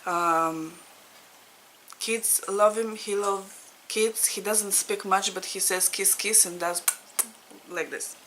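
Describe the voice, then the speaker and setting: Bright-voiced chatty woman, Russian native. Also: medium pitch, steady tone, a little hiss or hum, rough recording. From Latvia. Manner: chatty, laughs often, halting non-native phrasing. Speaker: needlework vlogger. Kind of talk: casual chat to camera. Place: home in Ireland.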